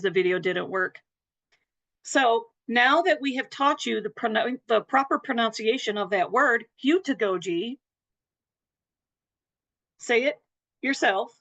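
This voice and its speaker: A woman nursing educator presenting a webinar lecture in a steady, explanatory way, her voice a bit worn and throat-clearing. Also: fairly high pitch. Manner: explanatory, steady, apologetic over glitches.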